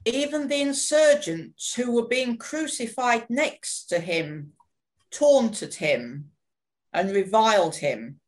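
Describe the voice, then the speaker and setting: A woman reads scripture narration slowly and deliberately. Her voice sits mid-range for a woman, unhurried throughout. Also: on the high side, animated. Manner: slow, deliberate storytelling.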